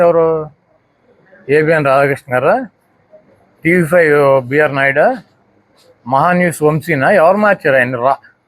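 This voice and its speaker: Man firing rhetorical questions, high-pitched. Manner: rhetorical, fires repeated questions. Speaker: politician speaking to the press. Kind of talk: combative press statement.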